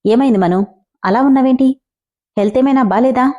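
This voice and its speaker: A woman's voice: high-pitched, brisk, warm tone. A woman voicing an arrogant, unfaithful young husband who talks in a blunt, dismissive way. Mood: concerned.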